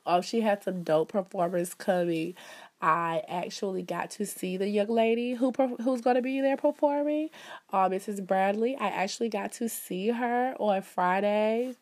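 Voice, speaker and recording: A woman's voice: mid-range voice, moderate pace, darkish tone. A woman, stuffed up from allergies, talking casually and upbeat as she promotes events and calls listeners "baby.". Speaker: host promoting events and services. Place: indoors, in the country.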